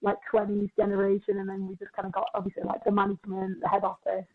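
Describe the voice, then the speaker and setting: A twenty-one-year-old woman, a personal trainer, talking in casual podcast chat, chatty and quick with lots of filler words. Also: medium pitch, completely flat delivery. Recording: tinny phone-like sound.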